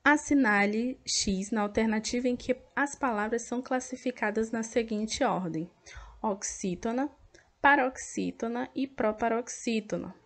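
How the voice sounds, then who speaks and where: A woman teacher with a Brazilian Portuguese accent, patiently walking pupils through a workbook and sounding out each word clearly. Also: on the high side, measured pace, a bit bright. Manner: patient, over-articulates words to count syllables. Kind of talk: slow classroom explanation of an activity book.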